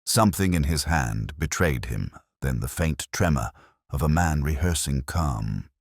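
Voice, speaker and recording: Voiced by a man, this extremely deep, gloomy English detective recounts his own case with melodic rises and falls, measured, somber and reflective in the style of an audio crime drama. The full character voice is animated and husky, recorded dry and close without echo.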